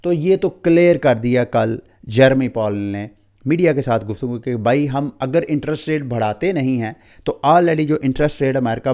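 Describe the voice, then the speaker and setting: A man's voice: mid-range voice, darkish tone. A man from Pakistan with a Pakistani Urdu accent, hosting a crypto market update and explaining the news straight to his viewers, with English terms mixed in.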